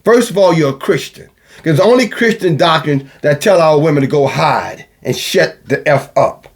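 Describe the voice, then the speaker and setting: Male preacher, high voice, belligerent, scolding, crude, repetitive phrasing, fiery sermon delivery. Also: animated, normal speed. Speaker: religious teacher.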